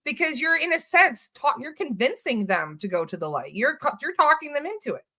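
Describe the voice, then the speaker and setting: A woman talks as a hypnotist and spirit release practitioner in a casual interview. Her voice sits high and sounds bright and forceful. She tells stories with animation, acts out quotes and swears offhandedly. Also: very animated, brisk.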